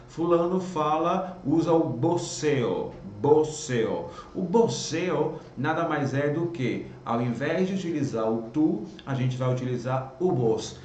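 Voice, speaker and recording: A man's voice: mid-range voice, darkish tone, roomy sound, a little hiss or hum. A Brazilian man with a Bahian accent teaching Spanish in a live online lesson, repeating words as drills and checking in with "tá?" after each point. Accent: Bahian Portuguese. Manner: drills words by repeating them, ends phrases with "tá?".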